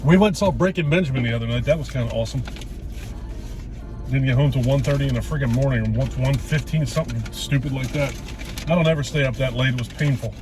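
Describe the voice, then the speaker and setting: A man's voice: medium pitch, fast talker. A man rambling casually to a camera in a car, chewing food as he talks, profane and teasing. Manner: chewing while talking, eating as he speaks. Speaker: vlog host. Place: inside a car.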